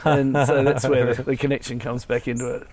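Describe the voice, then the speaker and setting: A man with a croaky voice from a cold, chatting casually and telling rambling anecdotes as a podcast guest. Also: medium pitch, little pitch movement, fairly quick, darkish tone, dry recording. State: has a cold. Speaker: podcast guest, family business owner. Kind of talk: casual conversational interview.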